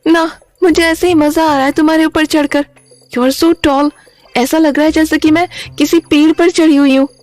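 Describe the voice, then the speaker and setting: A woman's voice: high voice, steady tone, normal speed, darkish tone, no echo, faint music behind, natural voice. An actress playing a dramatic young woman, an aspiring model, who whines and mixes Hindi with English. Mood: teasing. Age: young adult. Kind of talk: audio drama acting.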